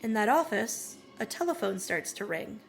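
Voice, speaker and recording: A woman's voice: medium pitch, moderate pace, vocal fry, soft background music. An actress playing an emotional young woman who reads a story aloud and is easily moved. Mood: narrating. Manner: expressive, easily moved to tears. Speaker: story reader.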